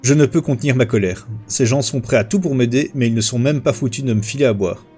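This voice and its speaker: A man reading his own first-person short story aloud on a livestream, in a steady, measured way with small slips and restarts. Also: medium pitch, slightly rough, soft background music.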